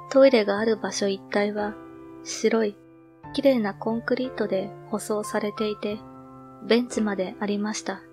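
A woman reading a horror story aloud in a calm, measured, hushed manner. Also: mid-range voice. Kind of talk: scripted horror narration.

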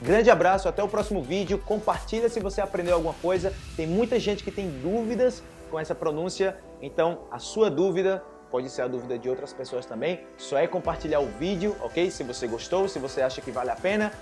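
A young man with a Brazilian accent teaching pronunciation, slowly repeating words syllable by syllable and checking in with "ok?". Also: high voice, a little mellow, soft background music. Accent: Brazilian Portuguese. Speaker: language teacher. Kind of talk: pronunciation lesson to camera.

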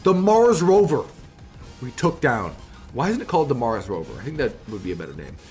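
A man doing live gameplay commentary as a hyped, excitable gamer bro who repeats his phrases, hosting his video. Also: medium pitch, brisk, over music. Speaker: gaming video host.

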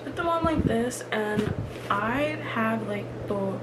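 A woman's voice: fairly high pitch, lively intonation, slow. A young woman vlogging in casual chat, emphatic and chatty with lots of fillers, in a small room. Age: young adult. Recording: loud room ambience noise.

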